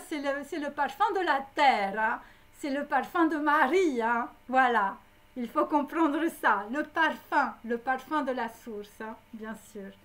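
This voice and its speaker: A woman's voice: high voice, fairly bright tone. A woman giving a psychic reading to her viewers, rambling with many fillers and tags. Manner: speaks directly to viewers. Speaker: psychic reader. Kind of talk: live clairvoyant prediction.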